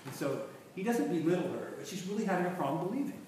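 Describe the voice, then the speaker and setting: A man giving a conversational, musing lecture to a class, trailing into low asides, recorded from a distant mic in a large room. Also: lively intonation, fast, a little mellow. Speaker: teacher. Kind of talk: lecture on literature and faith. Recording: echoey room, distant mic, faint noise.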